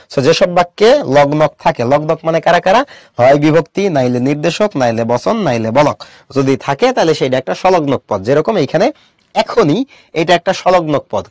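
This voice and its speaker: A man's voice: on the high side, no room sound, clean studio sound. A young adult man teaching an online class, explaining step by step and asking his students questions.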